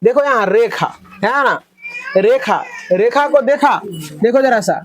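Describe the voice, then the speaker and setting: A man's voice: extremely high pitch, expressive, takes it slowly. A middle-aged male math teacher, lecturing a classroom of children and firing questions for them to answer back. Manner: loud call-and-response questioning of pupils.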